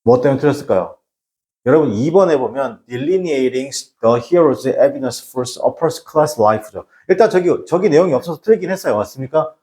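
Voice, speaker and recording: Male lecturer, blunt classroom talk, lively swinging pitch, dark mellow tone, rhetorical questions. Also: moderate pace. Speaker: English lecturer for transfer exams.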